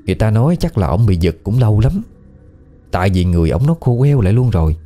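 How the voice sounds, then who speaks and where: Deep-voiced man with a Southern Vietnamese accent telling a story. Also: quick pace. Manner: conversational, colloquial, lively storytelling. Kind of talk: casual spoken ghost story narration. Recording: faint background music.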